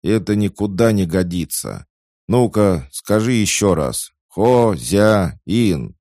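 A man's voice: low voice, very animated, slow pace, creaky, dark tone, dry recording, clean studio sound, voice pushed up, exaggerated voice. A man voicing a stern, fussy male ghost butler in an audiobook, scolding and strict.

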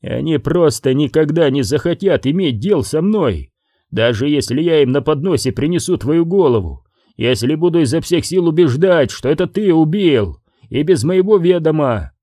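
A male audiobook reader voicing a furious middle-aged crime boss who shouts and bites off each word. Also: on the high side, lively intonation, normal speed, no room sound, clean studio sound, voice pushed up.

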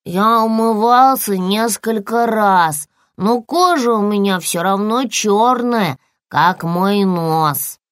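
A woman's voice: mid-range voice, lively intonation, takes it slowly, no room sound, clean studio sound. A woman voicing a curious little boy polar bear cub in a storybook, eager and calling out.

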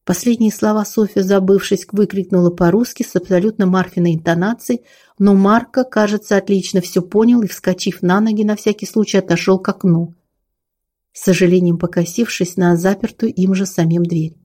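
A woman reading a novel aloud in a measured storytelling manner. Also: medium pitch, fairly even intonation, warm tone. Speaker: audiobook narrator. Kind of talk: scripted narration.

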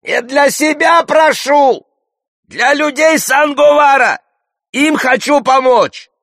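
A man voicing a desperate male elder pleading loudly in an audiobook, straining to be heard. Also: very high voice, takes it slowly, dry recording, clean studio sound, pitched above the performer's own voice, full character voice. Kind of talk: audiobook character voice.

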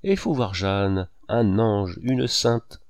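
Proud sarcastic young writer, read by a man, bitter, gravelly, low-pitched, storybook reading. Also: expressive, slow, a little mellow, no room sound, studio quality.

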